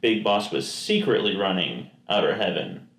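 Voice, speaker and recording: A man's voice: fairly low pitch, lively intonation, normal speed, fairly bright tone. A man co-hosting a podcast, talking casually and rambling with lots of fillers and restarts. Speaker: podcast co-host. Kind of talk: casual chat about video games. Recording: echoey room.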